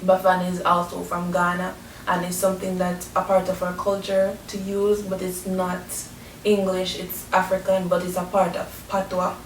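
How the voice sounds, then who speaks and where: A woman's voice: monotone, moderate pace. A woman from Jamaica with a Jamaican accent, giving an explanatory educational talk as a presenter. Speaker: presenter explaining language and culture. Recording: roomy echo, distant mic, faint rumbling noise.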